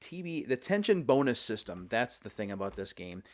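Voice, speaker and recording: A man's voice: medium pitch, big pitch swings, normal speed. A man hosting a video, giving casual, chatty unboxing commentary and thinking aloud as he goes. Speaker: host of a game unboxing video series.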